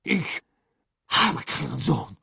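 A reader voicing a stern, hate-filled father who presides as a judge, barking his charges in a loud, clear voice in a dramatic audiobook reading. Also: medium pitch, sing-song, slow, full character voice. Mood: stern, furious.

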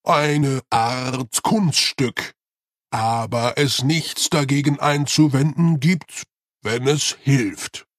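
A gentle giant of a yeti rumbles out his words very slowly, as a man puts him on. He jumbles his word order like a creature new to speech. The storybook sound is dry and close. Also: no room sound. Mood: ponderous. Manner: slow, odd word order.

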